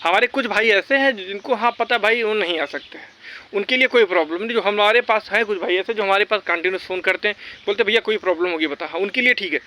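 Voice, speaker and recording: A fast-talking man with a high, sharp-toned voice runs a vlog on recruitment exam updates. He speaks to his viewers directly and informally with strong views, exhorting them and repeating key points for emphasis.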